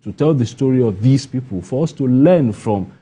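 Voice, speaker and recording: Speaking at a moderate pace, the man has a mid-range, mellow, slightly rough voice with lively intonation. The Nigerian playwright gives unscripted interview answers, driving points home by repeating important phrases.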